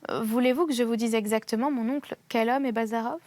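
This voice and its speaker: Woman reader doing confident young man, calm and explanatory, dry sound. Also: fairly high pitch, fast talker, no echo, natural voice. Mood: earnest. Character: young man, earnest and self-assured.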